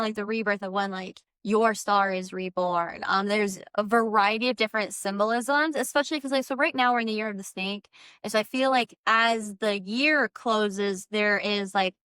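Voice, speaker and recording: A woman's voice: mid-range voice, moderate pace, bright, forceful tone, clear, resonant tone, dry recording. A woman talking in a casual, meandering vlog style as a maker presenting handmade work, with an earnest, spiritual way of explaining and frequent filler words. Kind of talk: casual rambling product vlog.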